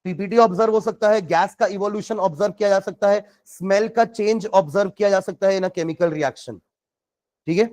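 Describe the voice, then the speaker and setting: A man teaching chemistry, dictating notes slowly word by word and asking students rhetorical questions, mixing Hindi and English. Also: sits high, a little mellow. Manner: mixes Hindi and English freely. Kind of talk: classroom lecture with dictation.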